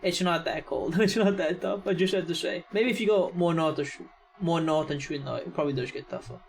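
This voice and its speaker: A man's voice: on the high side, brisk, gravelly, slight background noise, rough recording. A young American man hosting a reaction channel, giving loose, rambling casual commentary full of "I mean" and "yeah". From United States.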